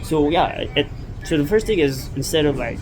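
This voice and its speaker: A man's voice: fairly high pitch, lively intonation, moderate pace, background noise. A man in his twenties, from Ethiopia, talking casually to camera in a vlog and rambling with lots of fillers and restarts as he moves around the city. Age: 20s. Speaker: startup founder vlogger. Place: New York City, walking around and at the gym. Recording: background music under voice.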